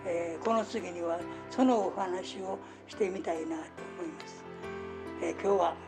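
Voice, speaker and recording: A woman with a Kansai accent hosting a radio talk, explaining in a gentle, unhurried way with soft fillers. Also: on the low side, music in the background. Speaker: radio host.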